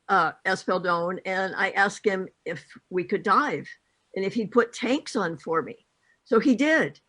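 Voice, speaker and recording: A woman's voice: mid-range voice, a bit bright. A woman, a guest on a dive panel, telling enthusiastic stories in casual chat.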